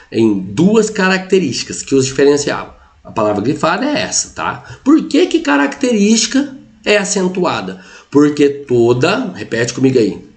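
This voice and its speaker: A middle-aged man with a Brazilian accent, a Portuguese teacher going through exam answers step by step and checking in with the listener again and again. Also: fairly high pitch. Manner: explains step by step, constantly says "ó" and "tá?".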